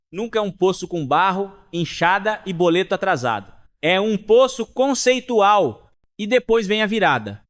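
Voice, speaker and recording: Brief: high-pitched Brazilian man, folksy comic storyteller, mocks with rhetorical questions. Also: a bit bright. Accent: Brazilian Portuguese. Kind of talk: joke monologue.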